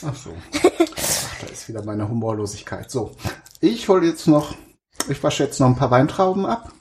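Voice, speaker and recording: Middle-aged dad, casual kitchen talk, patient and instructive, deadpan jokes. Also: male voice, medium pitch, normal speed, slight background noise. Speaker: father.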